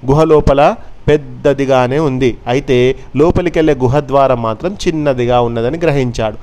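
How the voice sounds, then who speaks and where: A man's voice: mid-range voice, normal speed, darkish tone. A man telling a fable casually, explaining it with chatty asides. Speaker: storyteller.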